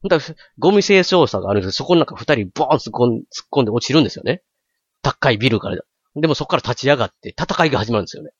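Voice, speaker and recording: Osaka man, 40s, rapid animated storyteller, dry close sound. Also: mid-range voice, husky, dry recording, muffled recording. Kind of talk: casual chat.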